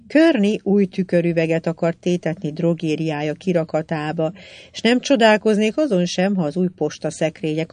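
A man's voice: sits high, a little mellow, no room sound. A reader voicing a chatty, teasing man who grumbles, as audiobook dialogue in a dry close recording. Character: blunt talkative American man, grumbling.

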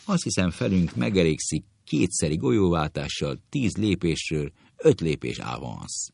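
Guy doing a cool breezy duel negotiator, low gravelly, dry sound. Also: full character voice. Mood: offhand. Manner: offhand, calm, placating.

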